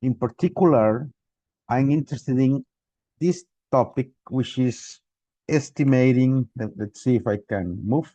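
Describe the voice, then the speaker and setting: A guest lecturer from Costa Rica speaks a little slowly in a mellow, medium-pitched voice during an online academic lecture. He's at home on a video call, hesitating with many restarts and fillers. There's no room sound, and the high frequencies are cut off.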